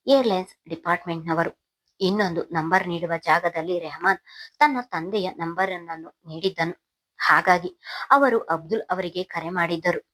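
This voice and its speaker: A woman's voice: fairly low pitch, a bit bright. Woman narrating a solemn story. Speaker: audiobook narrator.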